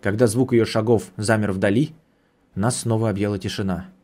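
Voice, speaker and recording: A man reading a novel aloud in the first person, with a measured, steady storytelling delivery. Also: on the low side. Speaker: audiobook narrator.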